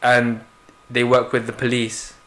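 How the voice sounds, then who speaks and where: A man's voice: medium pitch, completely flat delivery, a little slow, fairly bright tone. A man with a London accent, chatting casually and rambling on a podcast, slangy and full of fillers. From Philippines. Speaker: podcast co-host. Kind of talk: casual chat.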